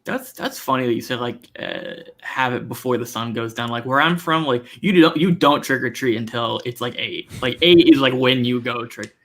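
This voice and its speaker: A man co-hosting a college radio show, telling stories in an animated way with constant fillers. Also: medium pitch, moderate pace, hardly any pauses. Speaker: radio co-host. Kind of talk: casual chat.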